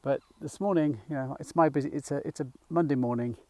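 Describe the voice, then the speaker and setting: A middle-aged man talking gently while walking outdoors, a little out of breath, rambling with fillers as he guides a mindfulness practice. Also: fairly high pitch, quick pace, no room sound. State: slightly out of breath. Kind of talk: casual walking vlog. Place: outdoors in a field by a small woodland.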